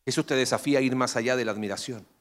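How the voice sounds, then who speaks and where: A man preaching a sermon with animated delivery, asking rhetorical questions and acting out quoted voices. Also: medium pitch, racing.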